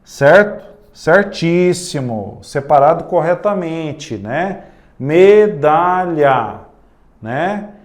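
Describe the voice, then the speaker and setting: A man with a Brazilian Portuguese accent teaches an exam-prep grammar class in a fairly high voice. He talks at an unhurried pace and keeps checking in with his students. He stretches words out slowly, syllable by syllable. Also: big pitch swings, a little mellow.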